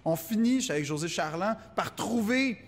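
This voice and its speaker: A man's voice: high-pitched, normal speed, big-room sound. A man with a Québécois accent telling a stand-up story in casual chat, acting out the voices of the people in it. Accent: Québécois French. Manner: animated storyteller, acts out quotes.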